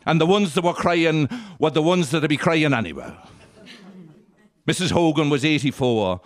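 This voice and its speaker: A man's voice: on the high side, moderate pace. A man with an Irish accent telling a comic story as a live stage monologue, in a lilting, droll storyteller's manner. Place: live on stage at an arts centre.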